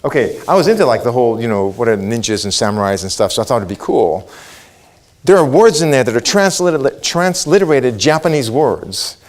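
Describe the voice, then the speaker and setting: A man's voice: mid-range voice, very animated, fairly quick. A middle-aged man from Israel whose first language is Hebrew, giving a motivational keynote, asking the audience questions and acting out quotes. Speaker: keynote speaker.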